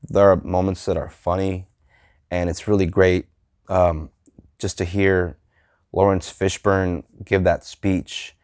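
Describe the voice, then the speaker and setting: A man in his thirties reviewing movies in a casual vlog, halting and full of fillers and restarts. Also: sits low, level tone, a little mellow, clean tone, dry recording, studio quality.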